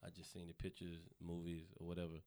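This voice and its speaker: A Southern-accented man from North Carolina tells profane, animated stories during a casual podcast chat. His voice is low and he talks fast.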